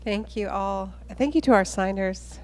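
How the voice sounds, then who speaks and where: A woman's voice: medium pitch, unhurried. Panel moderator woman in a reverberant hall. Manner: thoughtful, long winding questions.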